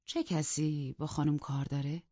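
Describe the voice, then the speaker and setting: Woman doing a sulky, aloof gentleman. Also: deep voice, fairly even intonation, breathy edge, no echo. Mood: curt. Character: stiff, sulky gentleman husband, cold and aloof. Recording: dull, dry lo-fi studio audio.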